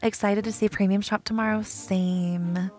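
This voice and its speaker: A woman's voice: medium pitch, fairly even intonation, unhurried, a little mellow, faint music behind. A woman streaming a video game in casual chat, giggly and chatty, greeting viewers by name.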